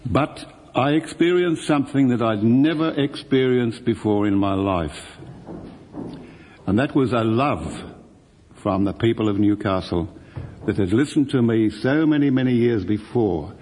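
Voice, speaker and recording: A man's voice: medium pitch, a little slow, a little mellow, in a large hall. An older man, a retired radio presenter telling stories and acting out both sides of old conversations. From Australia. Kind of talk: reminiscing storytelling.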